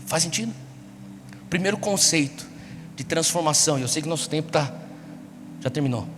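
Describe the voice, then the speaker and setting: A Brazilian man preaches to a young congregation, exhorting them with repeated rhetorical questions. His fairly high voice is animated, at a moderate pace. The large hall is echoey, with music behind him and a noisy background.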